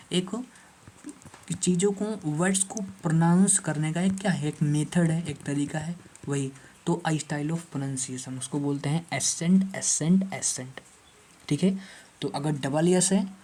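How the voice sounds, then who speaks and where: A male teacher lectures on vocabulary for exam preparation, going back over each word several times. His voice is mellow and a little husky. He keeps checking in with the class through rhetorical questions. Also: on the high side. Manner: repeats words and asks the class rhetorical questions. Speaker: English teacher for exam prep.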